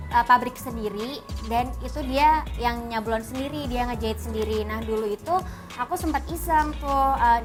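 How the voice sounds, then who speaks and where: A young woman in her early twenties, a student, answering interview questions in a chatty, casual way. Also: on the high side. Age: 21-ish, early 20s. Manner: chatty, often adds "guys". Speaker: student and café worker interviewee. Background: background music.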